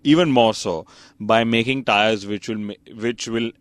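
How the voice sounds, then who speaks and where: A young man co-hosting a podcast in casual chat, answering in a calm, measured way with dry humour. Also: on the low side, smooth, dry recording. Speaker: podcast co-host.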